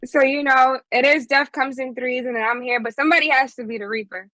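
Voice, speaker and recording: A woman hosts a casual podcast, upbeat and quick to laugh. Her voice sits fairly high. The sound is dry and close, with no room around it. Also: fairly even intonation, sharp tone, no room sound. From Boston, born in Trinidad. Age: 20s. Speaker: podcast host and mediator.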